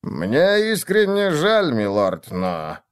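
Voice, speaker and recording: A man's voice: fairly high pitch, wildly swooping pitch, slow pace, clear, resonant tone, no echo, studio quality, pitched above the performer's own voice, exaggerated voice. A man voicing a frightened, pleading quartermaster who whines in an audiobook. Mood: pleading fearful. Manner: whining, pleading. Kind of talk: audiobook character voice.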